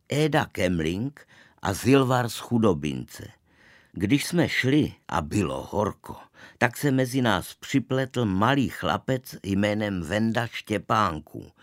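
Male narrator reading a story aloud, low voice with very lively intonation, expressive, dry close recording. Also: no echo. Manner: expressive, swings between loud outbursts and soft asides.

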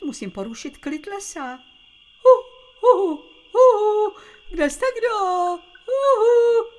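A woman voicing a cheerful little girl lost in the woods, chatting to herself in a puppet radio play. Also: sits high. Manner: chatty, talks to herself aloud.

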